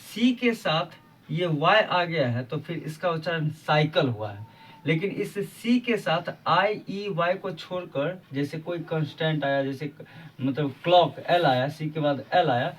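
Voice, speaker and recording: A man with a slightly high voice speaks a little slowly, picked up by a distant mic. On his video channel he teaches English pronunciation rules, patiently repeating each example and asking rhetorical questions.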